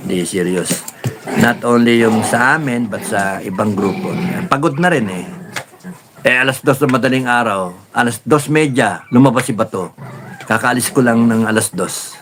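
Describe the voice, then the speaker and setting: A man hosting a casual live stream, reading viewer comments and telling stories in a rambling, animated way with many fillers. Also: mid-range voice, moderate pace, slight background noise. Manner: rambling, animated storytelling with laughs and repeated fillers.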